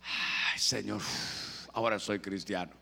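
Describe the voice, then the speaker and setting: A man voicing a newly converted man who sneaks a cigarette and pleads in a hushed voice. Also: on the low side, fairly even intonation, unhurried, gravelly, pitched below the performer's own voice, heavily acted. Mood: sheepish.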